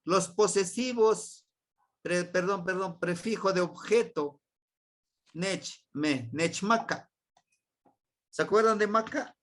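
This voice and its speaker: A man with a Mexican Spanish accent teaching a language class, repeating words slowly and quizzing his students. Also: sits high, a bit bright. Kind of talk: classroom grammar lesson.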